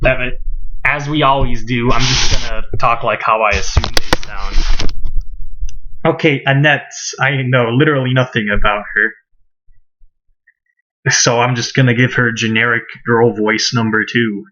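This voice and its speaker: A man's voice: medium pitch, steady tone, a little slow, background noise. A man streaming live, chatting casually and joking at his own expense. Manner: laid-back, self-mocking. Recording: muffled lo-fi mic.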